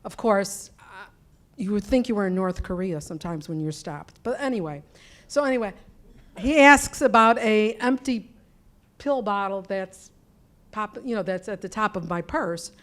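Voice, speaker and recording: An older woman from the audience recounts a run-in at a public meeting, flustered and rambling. She keeps stopping and restarting her sentences. Her voice sits at a middle pitch. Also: normal speed. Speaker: audience member. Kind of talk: telling a personal story at a public meeting.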